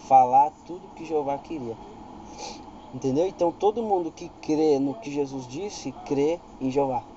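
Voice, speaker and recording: A man's voice: fairly high pitch, warm tone, dull audio, a little hiss or hum. A man with a Brazilian Portuguese accent giving informal Bible teaching, reading verses aloud with rising emphasis and often asking if you understand. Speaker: preacher.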